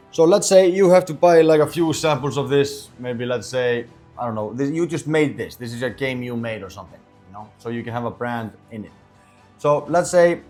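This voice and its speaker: A young man from Iceland who talks casually to the camera about starting businesses, rambling with lots of fillers and restarts. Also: mid-range voice. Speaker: entrepreneur sharing business advice. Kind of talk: casual talking-to-camera advice.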